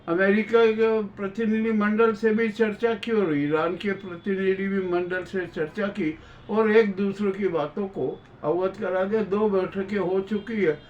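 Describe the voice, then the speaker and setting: A man's voice: high voice, a little hiss or hum. A man giving opinionated news commentary in a conversational way, asking rhetorical questions and repeating phrases for emphasis. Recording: dull lo-fi, distant from the mic.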